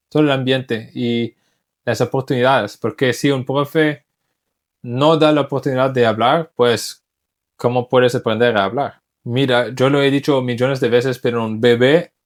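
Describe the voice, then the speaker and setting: A man whose first language is English, an English teacher talking casually in Spanish, thoughtful, often restarting words as he searches for them. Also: medium pitch. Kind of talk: casual talk to camera.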